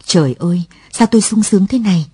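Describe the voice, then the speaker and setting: A woman's voice: medium pitch, animated, fast talker, mellow, breathy edge, no echo. A woman voicing a dazed young husband who learns he has a daughter, in a read-aloud story. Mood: overjoyed. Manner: dazed then exclaiming. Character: dazed young husband, overjoyed at being a father.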